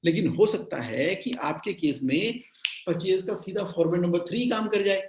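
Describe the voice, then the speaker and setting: A man coaching business owners in a live online session, animated and repeating his phrases, mixing English into his talk. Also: high voice, moderate pace, echoey room, a little hiss or hum. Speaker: cash flow coach.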